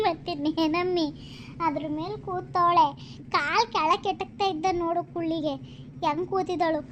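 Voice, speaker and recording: A woman performs a village gossip comedy skit in a very high voice. She voices several women who chatter and trade shouted insults. A faint hiss sits under the voice. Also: fairly even intonation, normal speed.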